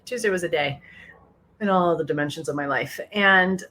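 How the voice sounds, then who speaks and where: A woman's voice: on the low side, moderate pace, pushed and bright. Laughing, self-deprecating woman podcaster. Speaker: podcast co-host. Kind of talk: casual chat.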